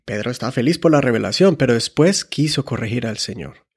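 A man's voice: medium pitch, expressive, fairly quick, husky. A man preaching a sermon, earnestly telling stories and correcting himself as he goes. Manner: earnest, often acts out quoted dialogue; frequent restarts and self-corrections. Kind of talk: sermon with personal storytelling.

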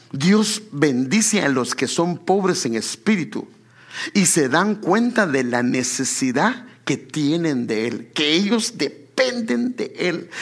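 A man preaching a sermon and telling his own testimony. He keeps calling the listener brother and builds up to emphatic exclamations. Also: on the high side.

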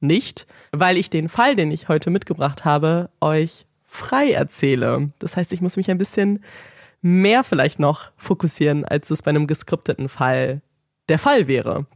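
A woman's voice: deep voice, animated, unhurried, no room sound, clean studio sound. A woman hosting a podcast in casual chat, her nose blocked from a cold. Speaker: podcast host.

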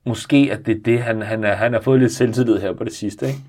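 A man, chatting casually as a podcast co-host and acting out his stories. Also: medium pitch. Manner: animated storyteller, acts out scenes in a raised voice. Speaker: podcast co-host, father of a toddler. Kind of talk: casual chat.

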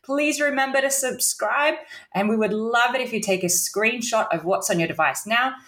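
A woman's voice: on the high side, moderate pace, fairly bright tone. A woman hosting a podcast, trading dad jokes in playful, giggly casual chat. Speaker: podcast host.

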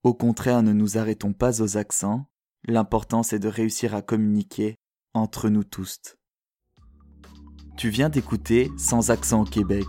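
A man from France with a French accent, hosting a podcast in a calm, reflective, measured way, as scripted narration. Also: fairly low pitch. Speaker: podcast host.

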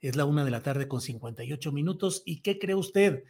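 A man hosting a live news programme, with a measured, formal and wordy way of talking. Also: fairly high pitch, lively intonation, darkish tone, breathy edge.

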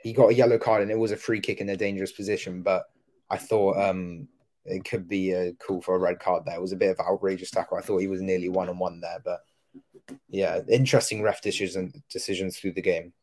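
A man's voice: low voice, little pitch movement, fast talker, a little mellow. A man co-hosting a football podcast, going over a match in casual chat, rambling with many fillers.

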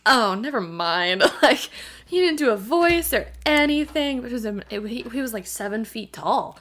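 A woman's voice: high voice, normal speed. A woman in her thirties co-hosting a podcast, telling a story in casual chat, laughing often and acting out quotes. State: hiccups. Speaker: podcast co-host.

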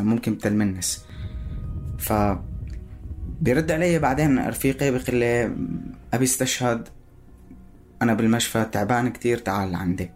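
A man with a Syrian Arabic accent giving personal spoken testimony in a halting way, searching for words. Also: medium pitch, a little mellow.

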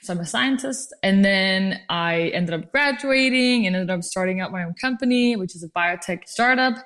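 A woman's voice: mid-range voice, moderate pace, a bit bright. Chatty young woman from Denmark. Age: young adult. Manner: chatty, heavy use of "like" fillers. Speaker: biotech startup founder, podcast guest. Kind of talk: casual interview chat.

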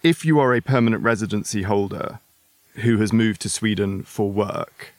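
A male interviewer with a fairly low voice in a dry, close recording. He asks follow-up questions conversationally. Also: normal speed, no room sound.

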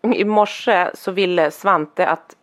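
A woman co-hosting a chat over a video call, telling a family story and acting out the quoted voices. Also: on the low side. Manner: acts out quoted voices, animated. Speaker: podcast co-host. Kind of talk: casual chat, lively storytelling.

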